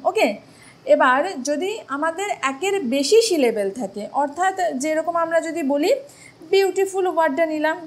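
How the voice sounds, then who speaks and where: A woman with a Bengali accent teaching English grammar in an exam-prep lesson, explaining step by step and asking her students questions before answering them. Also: high voice. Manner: addresses students directly, urging daily practice.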